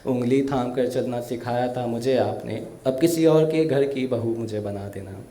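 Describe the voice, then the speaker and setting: Man reciting heartfelt poetry, mellow tone. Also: medium pitch. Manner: slow, heartfelt, repeats verses with rising emphasis. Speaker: poet. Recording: echoey room.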